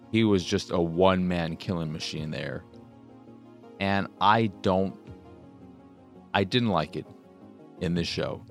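A man in his thirties with a very low, gravelly voice, hosting a casual podcast. He talks loosely and crudely and rambles, close on the microphone. Faint music plays under him. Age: 30s. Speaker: podcast host. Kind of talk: casual solo podcast chat.

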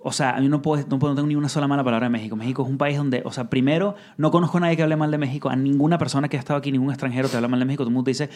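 A man with a Venezuelan accent, a singer guest on a podcast, telling a story in animated casual chat full of swearing. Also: medium pitch, racing, hardly any pauses.

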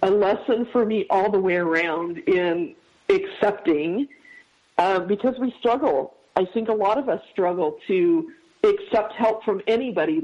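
High-voiced man telling a heartfelt story. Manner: heartfelt, halting, many restarts. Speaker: podcast guest. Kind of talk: personal storytelling. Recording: dull lo-fi sound.

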